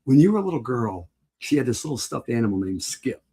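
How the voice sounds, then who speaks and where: A middle-aged man with a husky voice, rambling with restarts as he reminisces in a casual chat. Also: mid-range voice, sing-song, quick pace, dark tone. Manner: rambling, with frequent restarts and laughs.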